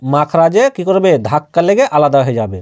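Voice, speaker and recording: A man teaching Quran reading, slowly spelling out and repeating syllables, then explaining in quick asides. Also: fairly high pitch, expressive, darkish tone. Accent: Bangladeshi Bengali. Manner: repeats each syllable several times for learners. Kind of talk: slow spelled-out recitation lesson.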